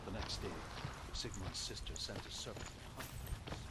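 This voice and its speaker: An actor playing a grave storyteller of old legends in a video game, measured and suspenseful. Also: male voice, fairly low pitch, heavy background noise, close to an everyday voice. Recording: clear background ambience.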